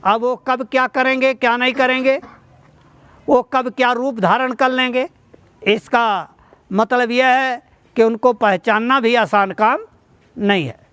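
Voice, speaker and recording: A man's voice: very high-pitched, steady tone, a little slow, a bit bright, clean tone, dry recording. A man preaching a devotional sermon. He quotes verses and tells a moral parable to the devotees. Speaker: satsang preacher.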